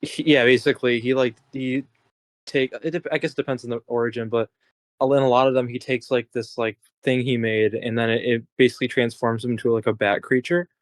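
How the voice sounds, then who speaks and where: A man co-hosting a casual art podcast, talking in loose, rambling bursts full of restarts and the occasional curse. His voice sits at an ordinary middle pitch and sounds dry and close, with no room around it. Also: flat delivery, brisk, dry recording. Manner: rambling, lots of restarts and swearing. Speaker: podcast co-host. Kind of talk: casual chat.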